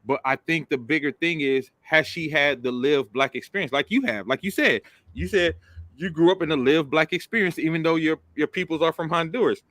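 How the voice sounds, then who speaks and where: A man with a bright, forceful voice, pitched a little high, who keeps circling back to his question in a casual debate. The sound is dry and close, with no room around it. He talks like a host steering the chat. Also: fairly quick, no echo. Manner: persistent, probing questions, says "bro". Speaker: podcast host.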